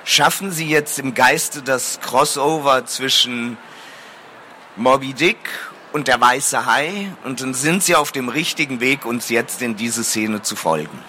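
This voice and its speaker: A man's voice: mid-range voice, expressive, measured pace, pushed and bright, a little hiss or hum. A man reading a fantasy novel aloud to an audience, addressing listeners formally between passages.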